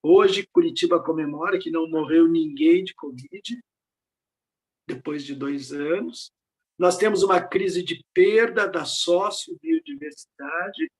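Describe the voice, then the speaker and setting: Unhurried and with lively intonation, an older man whose voice sits on the high side gives an academic talk over slides on a video call. He is an invited speaker at a research network meeting who reflects as he goes and favors rhetorical questions.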